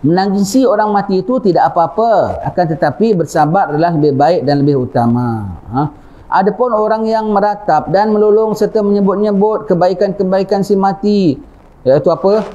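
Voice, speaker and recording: A man's voice: sits high, brisk, dark tone. Malaysian guy giving a casual sermon, keeps going "ha?" to the crowd, kinda muffled recording. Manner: conversational, often asks the audience 'ha?'. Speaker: religious preacher. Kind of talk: informal sermon.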